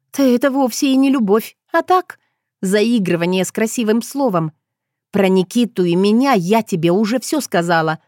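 A woman's voice: fairly high pitch, a little mellow, dry recording, studio quality, pitched above the performer's own voice, close to an everyday voice. A woman reading a young heroine who firmly scolds a foolish former friend. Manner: stern, scolding.

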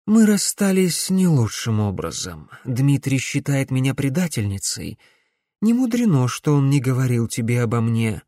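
A man reading an audiobook, voicing a stern middle-aged woman necromancer who speaks in a measured, insistent way. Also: medium pitch, big pitch swings, dark tone, dry recording, studio quality.

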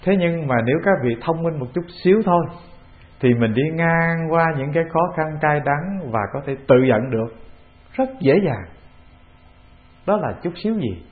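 A man with a Vietnamese accent, a Buddhist monk giving a calm, measured dharma talk, often putting questions to the assembly. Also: on the high side. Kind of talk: sermon. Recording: tinny phone-like lo-fi recording.

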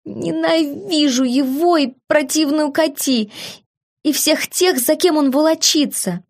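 A woman's voice: high-pitched, measured pace, voice pushed up. Woman voicing a hurt, stubborn young duchess. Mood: indignant, hurt. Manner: emotional, flustered, indignant. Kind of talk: audiobook dialogue reading.

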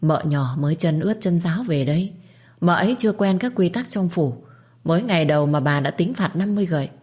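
A woman narrating a dramatic story in a steady, measured reading voice. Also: lowish voice. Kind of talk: scripted narration.

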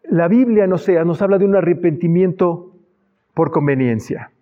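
Earnest male preacher, fairly high voice. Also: normal speed. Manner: earnest, reads Bible passages aloud and adds asides. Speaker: pastor. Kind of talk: sermon. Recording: dull lo-fi sound.

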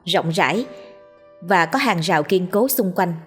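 A woman's voice: fairly low pitch, lively intonation, a little slow, husky, faint music behind. A woman narrating a ghost story in a scripted, storytelling way.

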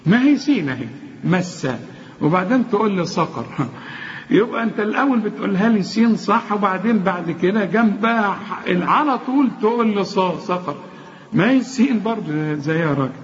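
A man's voice: sits high, animated, fairly quick, big-room sound, muffled recording. An Egyptian man teaching Quran recitation, correcting mistakes and chanting each example. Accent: Egyptian Arabic. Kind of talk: tajweed lesson.

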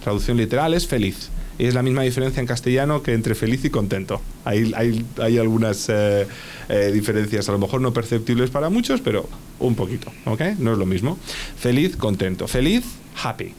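Male radio English teacher, mid-pitched, patient, spells things out. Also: animated, brisk, darkish tone, a little hiss or hum. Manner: patient, spells words letter by letter, frequent "ok?". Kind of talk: radio language lesson.

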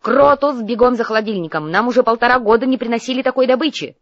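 A woman voicing an excitable, greedy male monk doctor who wheedles while bargaining and bursts into shrill outrage. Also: quick pace, no room sound, highs cut off, natural voice. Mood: gleeful.

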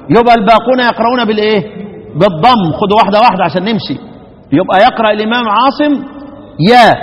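Egyptian male teacher, high-pitched, quizzes students, chants lines slowly; echoey hall. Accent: Egyptian Arabic. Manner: asks the class questions, chants verses slowly. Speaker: Quran recitation teacher. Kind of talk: lesson explaining recitation variants. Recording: echoey room with long reverb.

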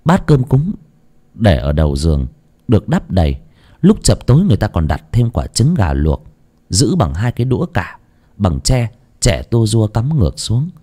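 A man narrating an audio ghost story in a dramatic, lively telling. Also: on the low side, moderate pace, slightly rough.

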